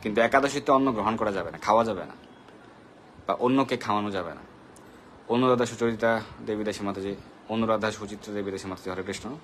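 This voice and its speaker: A man's voice: fairly low pitch, fast, long pauses, fairly bright tone, slight background noise. A man hosting a live devotional question-and-answer session, patiently explaining and greeting viewers by name. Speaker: devotional Q&A host.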